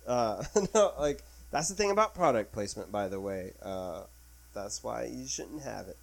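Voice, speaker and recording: A man co-hosting a podcast, talking casually about a film with many pauses and filler sounds. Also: mid-range voice, animated, gravelly. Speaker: podcast co-host.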